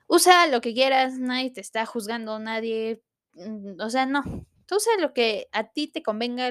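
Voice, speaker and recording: Chatty Mexican young woman. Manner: chatty, animated, uses gender-neutral forms, bursts into high exclamations. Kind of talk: casual commentary reacting to a list of rules.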